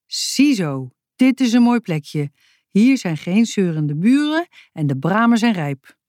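A woman voicing a calm, friendly and very strong father in a children's storybook reading, talking in an unruffled, polite way. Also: mid-range voice, takes it slowly, no echo, studio quality.

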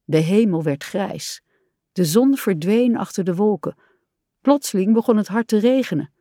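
A woman reading a children's story aloud in a calm, even storytelling voice. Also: mid-range voice, moderate pace, dry recording, clean studio sound.

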